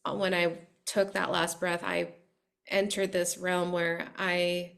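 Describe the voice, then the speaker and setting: A woman's voice: lowish voice, little pitch movement, slow pace, vocal fry, a bit bright. A young adult woman hosting a podcast, sharing a personal story earnestly and reflectively, with many fillers. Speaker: podcast host. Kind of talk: heartfelt conversation.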